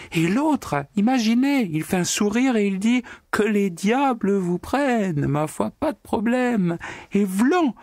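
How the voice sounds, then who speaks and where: A man's voice: no room sound, clean studio sound. A man voicing a hysterical young female secretary who wails and sobs, her nose stuffed from crying. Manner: shrill, wailing and tearful.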